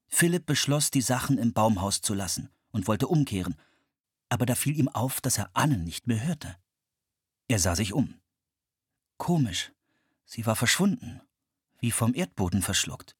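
A narrator reading a children's adventure story aloud in a lively, animated way. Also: mid-range voice, husky, no room sound, clean studio sound. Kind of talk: audiobook narration.

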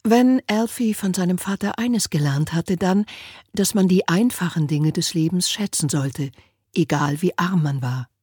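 A woman narrating an audiobook in a calm, measured storytelling manner. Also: on the low side, husky, no room sound, studio quality. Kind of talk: scripted narration.

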